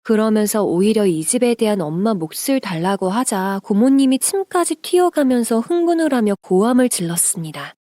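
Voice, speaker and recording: A woman narrates a reader-submitted story in a steady, expressive manner. Her voice is mellow and warm at a middle pitch. The sound is close and dry. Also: moderate pace, hardly any pauses, no room sound.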